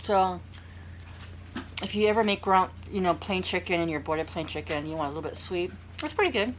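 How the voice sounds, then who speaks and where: A woman's voice: fairly low pitch, lively intonation, brisk, poor audio. A young adult woman chatting casually to viewers while she eats, rambling through anecdotes with self-deprecating asides. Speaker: vlogger hosting a mukbang. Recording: clear background room noise.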